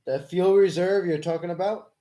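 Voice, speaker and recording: A man's voice: high voice, moderate pace, warm tone. A man hosting a live stream, debating politics with a caller in an explanatory way, correcting and rephrasing as he goes. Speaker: livestream host.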